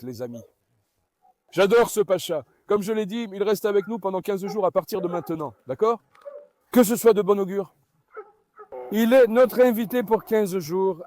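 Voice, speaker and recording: A man with a high voice and a darkish tone gives casual vlog commentary from his farm. Between remarks to his viewers, he calls out to his dogs and coaxes them along.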